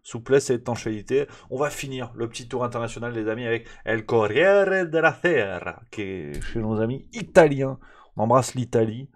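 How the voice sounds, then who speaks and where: On a casual livestream, a man reviews the press while chatting directly to his audience, sarcastic, meandering and often hesitant. His medium-pitched voice moves at a normal speed with lively intonation.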